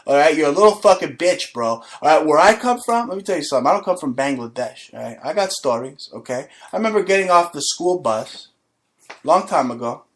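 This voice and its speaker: This talk show host launches into an aggressive, profanity-laden comedic rant and tells a boastful story from his school days. He speaks briskly, with a fairly high pitch, lively intonation, and a fairly bright tone.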